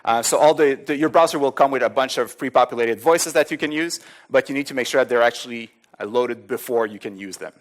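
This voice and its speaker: A man presents a live tech talk, walking the audience through browser demos. He speaks casually in a middle-pitched voice, with plenty of ums and small chuckles between points. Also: quick pace, few pauses. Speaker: conference speaker. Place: conference hall with audience.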